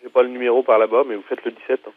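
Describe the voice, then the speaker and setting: A man answering the phone at an animal pound, brisk and helpful. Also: medium pitch, flat delivery, dry recording. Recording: tinny phone line.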